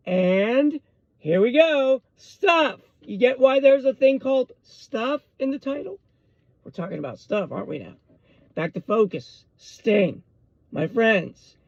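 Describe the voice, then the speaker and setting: Gravelly, excitable podcast host. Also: male voice, high-pitched, no echo. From US West Coast. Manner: rambling, excitable, jumps between topics. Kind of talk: casual solo podcast monologue. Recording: dull lo-fi dry recording.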